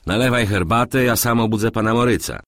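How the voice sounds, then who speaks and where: A man voicing a brisk young factory director who gives curt orders. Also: lowish voice, a bit bright, dry recording, studio quality, pitched above the performer's own voice.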